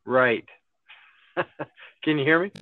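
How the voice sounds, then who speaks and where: A man's voice: on the high side, very slow, dry recording. A man hosting a podcast in easygoing, casual chat, heard through a tinny phone line. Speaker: podcast host. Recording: narrow phone-line sound, dry.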